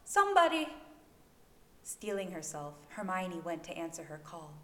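A fan fiction podfic narrator reads fiction aloud as dramatic, scripted narration for an amateur home-recorded audio story. Her low-pitched voice holds a steady tone at a moderate pace. She uses a new home recording microphone, and the echoey room carries faint background noise.

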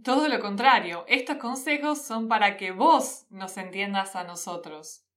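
A woman's voice: medium pitch, a little slow, a bit bright. A woman with a Rioplatense Argentine accent, a podcast host teaching Spanish in a casual, friendly explanatory way, using informal address and local slang. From Argentina, Buenos Aires province.

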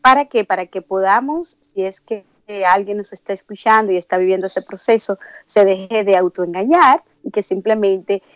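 Speaking with a Dominican accent in a mid-range voice, she co-hosts a radio program, reflecting earnestly while stumbling often over "eh" fillers. The audio is dull and has no room sound.

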